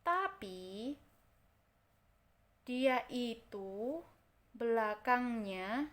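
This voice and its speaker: A woman's voice: fairly high pitch, animated, a bit bright. A woman with an Indonesian accent teaching English grammar. She repeats example words and keeps checking that her listeners follow. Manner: repeats example words slowly, checks understanding with "kan?" and "oke?". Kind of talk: explaining grammar in a recorded lesson.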